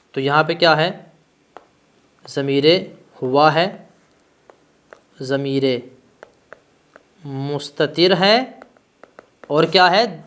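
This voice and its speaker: Male teacher, a little high-pitched, lesson delivery, asks and answers his own questions. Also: bright, forceful tone. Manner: stresses terms with rising pitch. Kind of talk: classroom grammar lesson.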